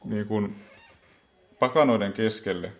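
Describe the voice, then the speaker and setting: A man giving an unscripted Bible talk, speaking haltingly and filling pauses with many small filler words and restarts. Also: fairly low pitch, vocal fry. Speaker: Bible teacher.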